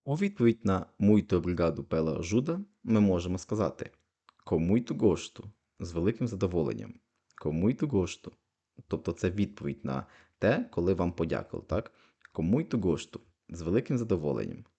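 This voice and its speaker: A man's voice: low-pitched, big pitch swings, fairly quick, dark tone. A man teaching Portuguese phrases in Ukrainian, patiently repeating each phrase with its translation. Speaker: language teacher.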